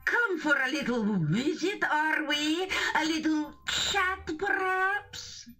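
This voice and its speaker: A woman's voice: sits high, animated, slow, sharp tone, full character voice. A woman voicing a cackling old witch in a video game, gloating and punning with sing-song menace. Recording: game audio with music behind.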